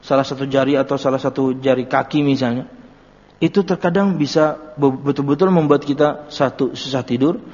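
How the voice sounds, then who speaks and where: A man's voice: mid-range voice, a little fast, a little mellow. A man, an Islamic teacher giving a sermon, telling anecdotes in a chatty, joking way. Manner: chatty storytelling with jokes and laughter. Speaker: ustadz teaching a book study. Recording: dull audio in a reverberant hall.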